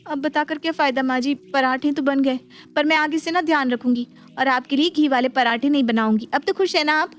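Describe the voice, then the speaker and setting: A woman's voice: high voice, fairly quick, natural voice. A woman voicing a headstrong young daughter-in-law who talks back in a cartoon. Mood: sassy.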